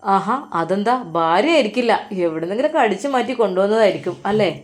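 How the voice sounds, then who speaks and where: A woman's voice: medium pitch, lively intonation, lightly acted. A woman voicing a bossy male police officer in a told story, talking brusquely and mockingly. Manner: brusque, taunting, quick.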